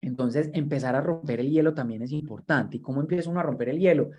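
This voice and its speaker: A man's voice: fairly high pitch, fast, darkish tone, husky. A man, giving an online training lecture over a video call. He talks in a conversational way and often repeats words while he looks for the next one. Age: 30s. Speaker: university lecturer and workshop trainer.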